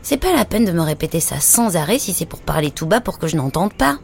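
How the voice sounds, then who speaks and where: A woman voicing an excitable little boy who talks in an eager, pleading way, with music playing underneath. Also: on the low side, fairly quick, gravelly, slight background noise. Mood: indignant.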